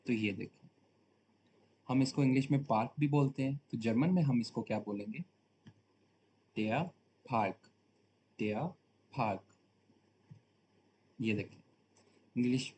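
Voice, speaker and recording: Male language teacher, patient and repetitive, mid-pitched voice, faint noise behind. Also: a little mellow. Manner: slow, deliberate repetition of each word. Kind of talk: Hindi-language lesson teaching German vocabulary.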